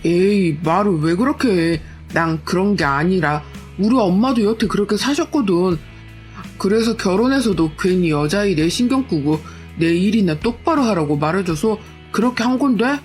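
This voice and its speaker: A grumbling, lazy young husband who talks back with a whiny edge and waves off any complaint about chores, read by a woman. The pitch sits at a middling height for a storyteller. Light music runs underneath. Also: expressive, normal speed, a little mellow, natural voice. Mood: defensive. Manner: whiny and irritable, brushing off complaints. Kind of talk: storytelling with acted dialogue.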